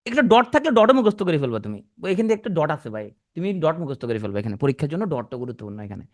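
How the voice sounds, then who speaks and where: A man teaching an exam prep class, talking quickly and repeating key points for his students. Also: a little high, very animated. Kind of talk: classroom lecture.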